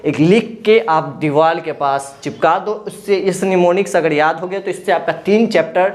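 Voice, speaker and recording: Woman teacher, fairly low voice, repetitive question-and-answer drilling. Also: normal speed, darkish tone. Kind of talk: exam-prep lesson.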